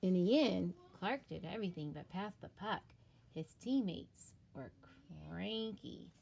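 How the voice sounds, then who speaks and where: Lady teacher doing a kids read-aloud, slow and expressive, voice goes up and down a lot. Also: lowish voice, creaky, slight background noise. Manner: animated, deliberate emphasis.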